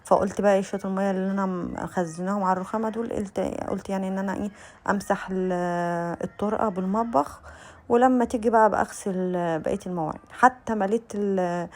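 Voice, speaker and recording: Quick and steady, her mid-range voice carries a somewhat dark tone. This young Egyptian lifestyle vlogger, with an Egyptian Arabic accent, chats casually in voice-over, addressing her audience head-on with frequent restarts.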